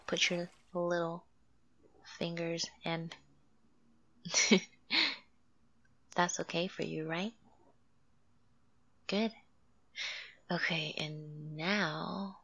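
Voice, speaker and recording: Woman doing a gravelly soothing mommy type, super slow, half whispered, dull lo-fi audio. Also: fairly low pitch, fairly even intonation, no echo, exaggerated voice. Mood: coaxing. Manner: slow, soothing, coaxing with soft laughs. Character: doting, coaxing adult mother figure. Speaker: audio roleplay performer. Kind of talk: soft-spoken audio roleplay, half whispered. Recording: dull lo-fi recording.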